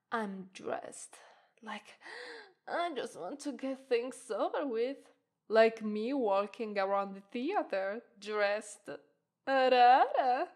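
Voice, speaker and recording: A native Italian-speaking woman voices a seductive witch for an ASMR roleplay, her slightly high voice carrying a darkish tone. Her teasing is flirtatious and drawn out, and she takes her time with each word in a relaxed, playful way.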